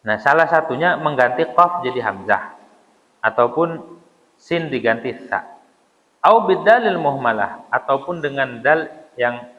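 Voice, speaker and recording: Joking mosque teacher, echoing hall. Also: male voice, medium pitch, a bit bright. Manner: casual and joking, acts out mispronunciations. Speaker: religious teacher. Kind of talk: mosque study lesson. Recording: dull sound with long hall reverb.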